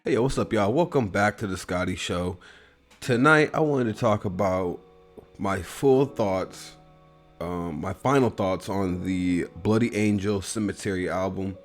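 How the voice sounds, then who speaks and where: A man's voice: low-pitched, a little slow, soft background music. A man from the US Midwest with a Midwestern accent, hosting his own show and giving a loose, rambling, profane album review. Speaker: host.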